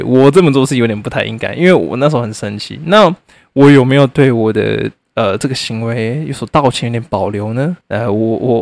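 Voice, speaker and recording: A young man, hosting a podcast and telling a story in a blunt, animated way, swearing and laughing often. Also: mid-range voice, creaky, dry recording. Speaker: podcast host. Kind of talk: casual storytelling monologue.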